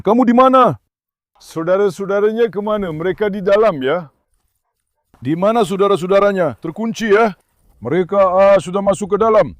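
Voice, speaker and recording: A man vlogging with his dogs, talking to the viewers and coaxing and scolding the dogs in a soft voice. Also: sits high, dry recording, clean studio sound. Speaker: dog keeper and vlogger. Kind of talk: casual vlog talk to camera and dogs.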